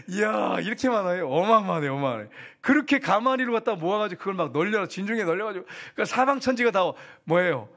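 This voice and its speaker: A man preaching a sermon as pastor, lively and chatty, teasing the congregation with questions. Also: high voice, moderate pace.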